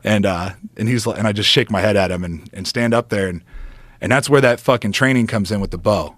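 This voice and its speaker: A man, a podcast guest, telling a story in an animated, profane way and acting out the quotes. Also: lowish voice, a little fast, no echo.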